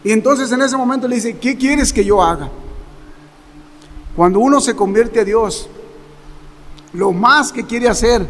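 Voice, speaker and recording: Mexican man, very high voice, Bible teacher at a Sunday service, conversational and questioning, church reverb with faint room noise. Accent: Mexican Spanish. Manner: conversational, with rhetorical questions and acted quotes.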